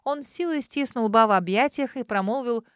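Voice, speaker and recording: A woman reading audiobook narration in an expressive storytelling manner. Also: on the high side, a little fast, clear, resonant tone, no echo, studio quality. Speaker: audiobook reader.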